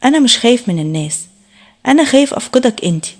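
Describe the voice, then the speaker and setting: A soft, earnest young man of twenty-three with an Egyptian Arabic accent, voiced by a woman reading a storybook. He talks quickly and pleadingly, and the voice has a husky, breathy edge. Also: fairly high pitch, animated. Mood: sad. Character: gentle shy young man of 23.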